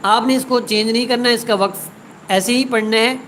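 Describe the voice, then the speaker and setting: A woman teaching a word-by-word Quran tajweed lesson. She recites each word slowly and drawn out, then explains quickly. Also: on the high side, fairly even intonation, fairly bright tone, a little hiss or hum, low-quality recording.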